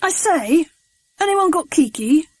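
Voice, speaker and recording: Man voicing a young schoolboy, impatient, exasperated, very high voice, bouncy intonation, audiobook. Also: expressive, unhurried, no room sound. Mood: calling out. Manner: calling out loudly, cross. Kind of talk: audiobook character voice.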